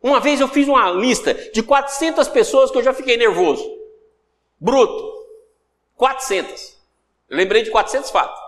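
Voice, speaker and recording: A man with a very high voice and a Brazilian Portuguese accent teaches a recorded spiritual course. He speaks in a lively, conversational way, repeats phrases for emphasis and acts out everyday examples. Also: moderate pace, pauses often, in a large hall. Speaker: lecturer on spiritual self-development.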